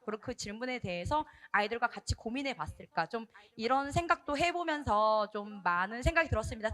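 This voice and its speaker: A young woman Sunday school catechist speaks with a voice roughened by a cold. Her tone is bright and ringing. She talks earnestly and loudly about her reflections to fellow teachers in a church hall. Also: sits high. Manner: earnest, loud, lively, with acted scolding. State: hoarse from a cold. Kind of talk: sharing reflections in a training session.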